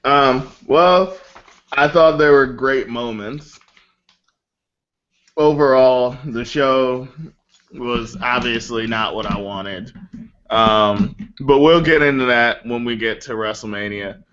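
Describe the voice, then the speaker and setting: Slow-talking man with a sore lip. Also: medium pitch, fairly bright tone, lo-fi sound. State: sore swollen lip after mouth surgery. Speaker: podcast host. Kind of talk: casual wrestling chat.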